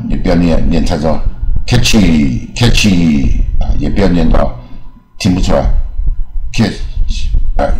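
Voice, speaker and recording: Very deep-voiced man teaching pronunciation. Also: dark tone. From Taiwan. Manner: repeats model words slowly, many filler "啊". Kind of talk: casual spoken lesson. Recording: echoey room.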